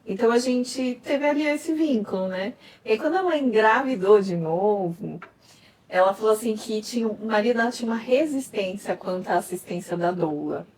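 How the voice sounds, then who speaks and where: A woman's voice: mid-range voice, lively intonation, moderate pace, darkish tone, distant mic. A woman doula in a casual chat, telling stories and laughing at herself.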